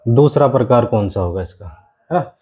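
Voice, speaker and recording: Here a male grammar teacher prepares students for an exam, slowly repeating essential phrases for them to write and habitually calling the class "my friend." He has a mid-range, animated voice with a warm tone, though the audio is poor.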